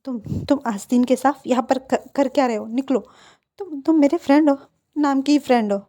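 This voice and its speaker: A woman's voice: high-pitched, fairly quick, dark tone, lightly acted. A woman voicing an emotional, stubborn young male groom who stammers through indignant outbursts in a storybook reading. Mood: angry.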